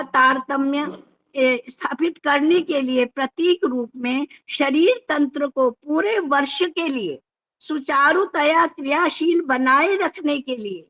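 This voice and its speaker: Slow, high-voiced woman lecturer. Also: fairly bright tone. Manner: measured, explanatory, with restarts. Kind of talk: formal lecture on scripture.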